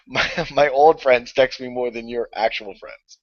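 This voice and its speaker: A man co-hosting a casual podcast chat, excitable and laughing often. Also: mid-range voice, unhurried, dry recording, dull audio. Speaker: podcast co-host.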